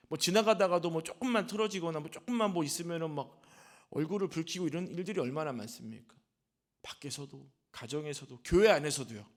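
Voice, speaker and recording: A middle-aged man, a senior pastor giving a Sunday sermon, talking conversationally and asking the congregation rhetorical questions. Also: a little high.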